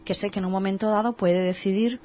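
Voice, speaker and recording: A radio show host with a Spanish accent from Spain conducts a casual interview, offering everyday examples in a conversational way. Her mid-range voice is fast and mellow with fairly even intonation, and there's slight background noise.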